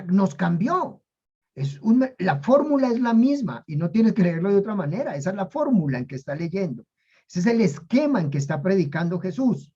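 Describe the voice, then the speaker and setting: A woman leads a Bible class in a warm, mellow voice. She drives her points home by repeating key phrases and asking listeners to say them out loud. The recording sounds a little dull and lo-fi. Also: lowish voice. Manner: emphatic, repeats key phrases, urges listeners to say lines aloud. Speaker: Bible teacher.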